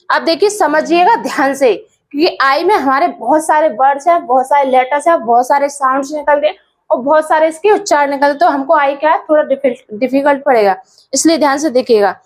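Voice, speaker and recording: A patient woman teacher, speaking in a high voice at an unhurried pace. She repeats each word and spells it out letter by letter. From India. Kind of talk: English pronunciation lesson.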